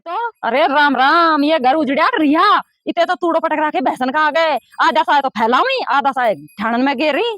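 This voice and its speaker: A woman's voice: sits high, moderate pace, no room sound, studio quality. A woman with a Rajasthani accent playing a complaining mother-in-law in a village comedy sketch. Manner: scolding, complaining loudly.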